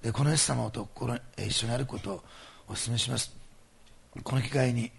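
This pastor's voice is medium in pitch, creaky and husky, and he speaks a little quickly. He guides a passionate prayer for healing, alternating forceful proclamations with sincere, persuasive appeals to the congregation.

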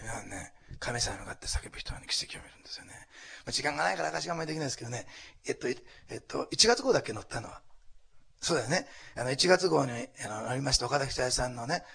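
A man pastor preaching a sermon to a congregation and leading a prayer, animated and dropping to whispers for emphasis. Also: mid-range voice, gravelly, breathy edge. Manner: animated, acts out quotes, drops to whispers. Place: church hall before a congregation.

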